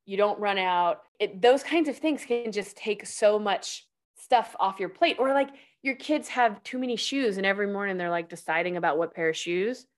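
A woman's voice: medium pitch, moderate pace. A woman guest on a podcast, talking casually with lots of filler words as she shares life tips. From California. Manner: chatty, loose, heavy on "like" fillers. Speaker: guest, life-hacks coach.

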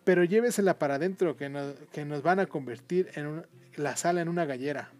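Man doing a rich man's wife, raised and shrill, excitable, storybook reading. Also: fast, faint music behind, close to an everyday voice. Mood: anxious.

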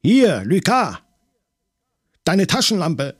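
A man doing Maigret, gruff commanding commissioner. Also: fairly low pitch, lively intonation, unhurried, dry recording, studio quality. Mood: shouting. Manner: rough, commanding, threatening. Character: gruff middle-aged male police commissioner.

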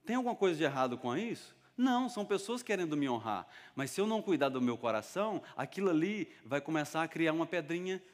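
A man preaching a sermon as pastor, telling stories lively and acting out the lines of the people in them. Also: a little high. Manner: lively storytelling, acting out dialogue. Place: church hall. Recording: long reverb of a church hall.

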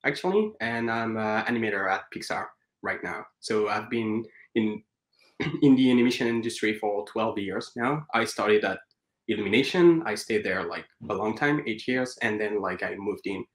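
Hesitant French-accented man, low voice. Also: moderate pace, roomy sound. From France. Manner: hesitant, many fillers and restarts. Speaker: guest animator. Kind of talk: casual interview chat.

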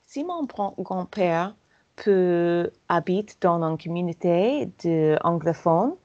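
A slow, deliberate American woman speaks in a slightly low voice, pausing often to search for her words in a language that is not her native one. Her speech is full of fillers and restarts, with the halting feel of a learner in conversation. The audio is dull and lo-fi. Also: animated, a little mellow. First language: English.

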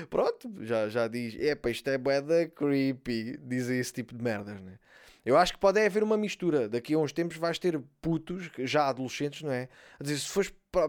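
A man from Portugal with a European Portuguese accent, a comedian talking in a casual monologue, animated and slangy, acting out quoted lines. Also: mid-range voice. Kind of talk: casual stand-up style monologue.

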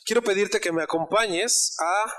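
A man preaching a sermon in a high voice, with a conversational, storytelling delivery. His tone is bright and forceful, and now and then he turns to the congregation with a question. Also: measured pace.

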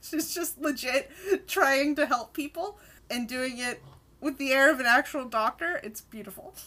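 A woman with a fairly high, bright and forceful voice co-hosts a podcast. She reviews a cartoon episode in casual chat. She sounds animated and enthusiastic, and she leads the conversation. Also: normal speed. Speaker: podcast co-host.

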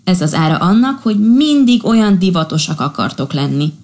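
A woman voicing a kind, tired little female sea doctor who gently scolds her patients in a storybook. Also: fairly low pitch, big pitch swings. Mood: gentle, caring.

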